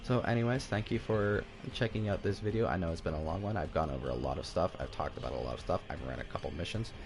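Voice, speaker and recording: A man's voice: deep voice, animated, fast, music in the background. A man giving casual video game commentary, rambling along and often stumbling and repeating himself. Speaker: gaming YouTuber.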